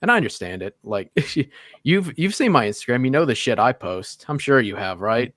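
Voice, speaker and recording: A man's voice: medium pitch, big pitch swings, normal speed, a bit bright, no room sound, studio quality. A man appearing as a guest on a live stream, talking casually and at length, swearing and leaning on "like" and "you know" as he laughs. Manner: rambling and profane, with constant "like" and laughter. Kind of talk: casual conversation.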